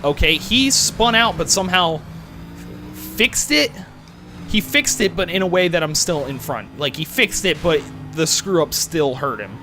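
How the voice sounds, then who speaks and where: Young man, rambling gameplay commentary, bright tense tone, slightly high voice, game music faint behind. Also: animated, unhurried. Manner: rambling, self-questioning, occasional swearing. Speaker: gaming channel host. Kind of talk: rambling let's-play commentary.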